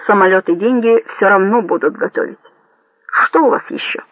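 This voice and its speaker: Sharp, impatient statesman, voiced by a man, dry sound. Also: sits high, normal speed, no echo, low-quality recording. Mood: irritated. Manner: curt, sharp. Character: irritated male prime minister, curt.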